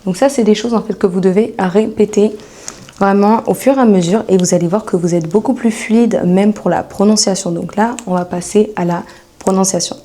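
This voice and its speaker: A woman giving a casual video lesson as an English coach, chatting and slowly repeating English phrases for practice. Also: medium pitch, fairly even intonation, dark tone.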